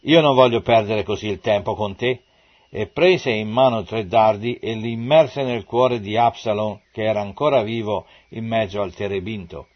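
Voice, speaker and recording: A man giving a slow, measured, solemn reading of scripture, dramatizing the dialogue. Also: lowish voice. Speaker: Bible reader. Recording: dull lo-fi audio.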